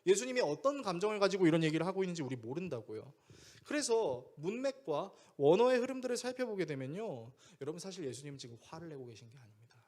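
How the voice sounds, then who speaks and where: A man's voice: very animated, fast talker, a little mellow. A man preaching a sermon as pastor, speaking conversationally and asking the congregation questions. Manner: acts out quoted voices with big pitch swings.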